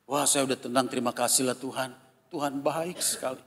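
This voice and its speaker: A man in his fifties, a pastor giving a sermon with a personal testimony, telling stories with lively impressions of his children and congregation. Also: medium pitch, fairly quick, slight background noise. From Indonesia. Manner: animated storytelling, mimics his children and congregation. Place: church hall. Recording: long church reverb.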